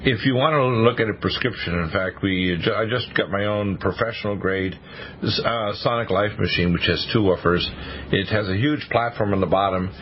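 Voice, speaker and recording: A man's voice: on the low side, moderate pace. A man hosting a radio talk show, explaining conspiracy-minded ideas in an insistent way. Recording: dull lo-fi radio audio, clear noise.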